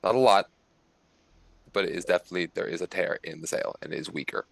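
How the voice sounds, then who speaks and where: A man narrating as game master of a tabletop game, casual and halting, with many fillers. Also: low-pitched, gravelly, fairly bright tone, dry recording.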